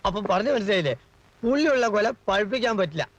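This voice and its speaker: An actor playing a fussy, self-important middle-aged household hanger-on, talking excitably and gossiping. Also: male voice, sits high, fast, slight background noise, rough recording. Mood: boastful.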